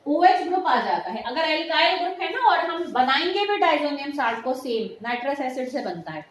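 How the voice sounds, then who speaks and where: With wide pitch swings in a high voice, a middle-aged woman delivers a chemistry lecture at normal speed. She is patient, blends in English terms and calls her students "beta," while the echoey room adds faint noise.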